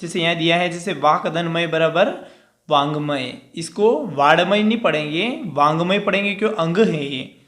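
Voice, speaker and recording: A man's voice: on the high side, moderate pace, a bit bright, echoey room. A male teacher giving a grammar lesson, explaining step by step and answering his own questions.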